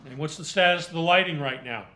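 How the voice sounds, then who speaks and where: A man speaking as a magistrate at a formal hearing, questioning and ruling in deliberate, halting, formal phrases. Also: a little high, bright, forceful tone, low-quality recording. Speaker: magistrate presiding over a hearing.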